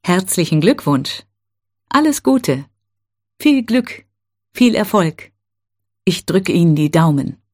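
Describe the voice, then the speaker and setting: A woman teaching a language, reading set phrases one at a time in a slow, careful, clearly spaced way. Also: lowish voice, big pitch swings, darkish tone.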